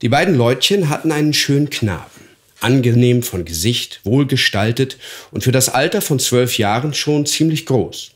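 A man reads an old fairy tale aloud with theatrical expression, his voice rising and falling in lively curves. The pitch sits in a middle register. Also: normal speed. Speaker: actor reading aloud.

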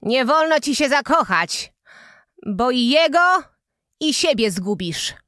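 A woman's voice: high-pitched, very animated, slow, pushed and bright, no room sound, studio quality, full character voice. A woman voicing an ugly, scheming old village witch in a storybook tale, speaking in an ominous, grudging way. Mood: warning.

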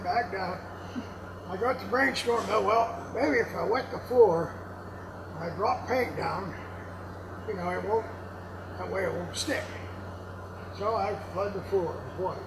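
His voice sits high as this man in his seventies rambles through casual anecdotes, laughing and sounding folksy and salty. It's recorded indoors in a block-walled warehouse with clearly noisy room ambience.

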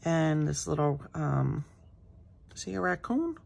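Low gravelly woman chatting while crafting. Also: big pitch swings, unhurried, darkish tone. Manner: chatty, rambling, talks while working. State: morning voice. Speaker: craft channel host. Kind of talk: casual crafting chat. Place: home craft room.

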